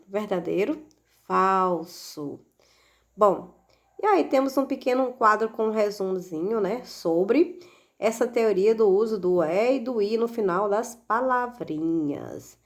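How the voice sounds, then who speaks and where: A woman teaching a recorded video lesson for children, speaking patiently and asking rhetorical questions as she goes. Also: mid-range voice. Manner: slow, patient, asks rhetorical questions with frequent "né?".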